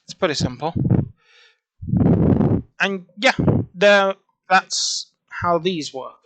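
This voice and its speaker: In a casual screen recording with poor audio, a man with a fairly high, bright, forceful voice guides viewers through a program. The tutorial maker's voice has just come back after he lost it, and he is chatty and rambling and keeps correcting himself.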